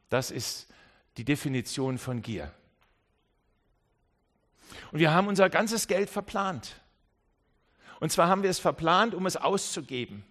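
A man preaching a sermon, who swings between loud calls and quiet asides and acts out the voices in his examples. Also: sits high. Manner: dramatic, acts out voices in dialogue.

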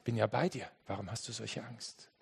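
A man voicing Jesus as a calm, gentle adult man who speaks quietly and slowly. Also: fairly low pitch, creaky, breathy edge, long reverb tail, voice pushed down, full character voice. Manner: quiet, soft, slow.

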